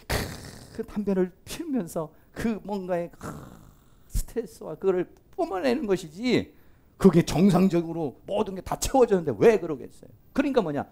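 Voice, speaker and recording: A male pastor lecturing at a seminary, his voice sitting high for a man and swooping widely up and down. He talks in a chatty, animated way, slipping into quoted voices and laughing along the way. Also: normal speed, vocal fry. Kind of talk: lively classroom lecture on healing counseling.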